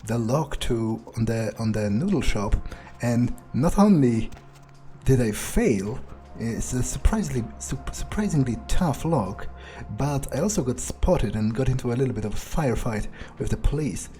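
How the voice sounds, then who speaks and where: Soft music sits under an animated, dark-toned, mid-range male voice speaking at normal speed. In character as a sardonic vampire, the let's player improvises a gameplay monologue, casually and hesitantly musing aloud with dry, morbid wit.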